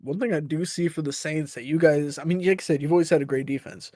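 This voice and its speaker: A man with a fairly high, mellow voice co-hosts a casual sports podcast, speaking quickly. He rambles through loose explanations and keeps correcting himself, and the sound is close and dry with no room around it.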